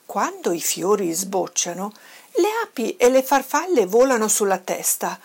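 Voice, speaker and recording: A woman's voice: mid-range voice, very animated, measured pace, darkish tone, husky, full character voice. Woman doing a sleepy mother bear. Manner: drowsy, grumbling.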